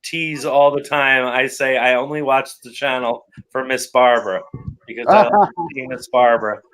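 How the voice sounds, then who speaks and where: A man with a very bright, forceful voice at a middle pitch hosts a casual live chat. He talks in a chatty way with a teasing streak. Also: normal speed, low-quality recording.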